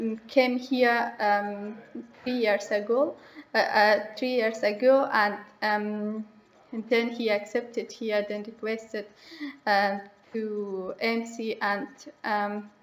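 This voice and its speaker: A teenage girl from Afghanistan, speaking English haltingly and pausing often to search for words. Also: a little high, roomy sound, low-quality recording. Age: teens. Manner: hesitant, searching for words, many pauses. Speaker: young migrant speaking about herself. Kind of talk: halting personal monologue in a second language.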